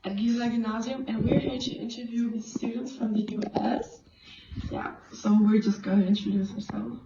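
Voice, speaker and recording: A woman's voice: on the high side, steady tone, moderate pace, muffled recording. Brief: teen girl, friendly informal interviewer, far from mic, noisy echoey room. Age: teens. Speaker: student interviewer. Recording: roomy, distant, loud noise.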